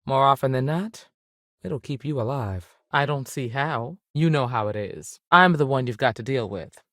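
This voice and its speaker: In clean studio sound with a dry recording, a woman delivers game lines in a very deep voice at a moderate pace, her tone fairly bright. She's voicing a frontier ranger who is strict and principled, speaking plainly and with authority plus a folksy turn, steady and firm throughout.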